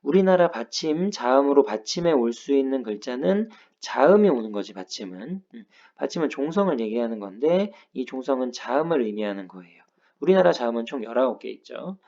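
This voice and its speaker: A man's voice: mid-range voice, expressive, a little fast, darkish tone, dull audio. A man teaching a grammar lesson, explaining rules patiently step by step and checking in with his students. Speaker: Korean language teacher.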